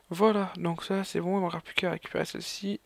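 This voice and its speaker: Rambling man narrating his gameplay, gravelly voice. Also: sits high, a bit bright. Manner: rambling, hesitant, with many fillers and self-corrections. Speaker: gaming video host. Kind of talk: casual gameplay commentary. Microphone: raised gaming mic.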